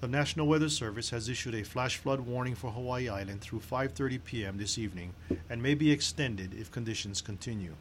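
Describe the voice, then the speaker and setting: A man reading a scripted civil defense emergency announcement in a formal, serious, measured manner. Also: mid-range voice, slight background noise.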